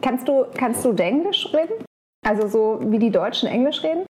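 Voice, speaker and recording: A woman's voice: a little high, animated, a little fast, mellow. A woman chatting casually and playfully as a podcast host. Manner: giggly, playful. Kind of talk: casual chat. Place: holiday apartment by the sea. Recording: clearly noisy location recording.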